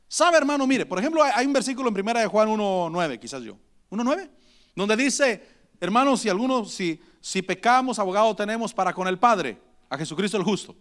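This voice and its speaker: Male pastor, sermon, high voice, swooping lively delivery, addresses the congregation. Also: fairly quick. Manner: animated preaching with calls to the congregation; drops to a hushed voice for acted prayers.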